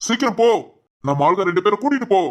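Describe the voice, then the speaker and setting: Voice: mid-range voice, sing-song, racing, natural voice. A voice actor playing a stern, scheming male village head in a cartoon drama who barks orders. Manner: commanding, barking orders.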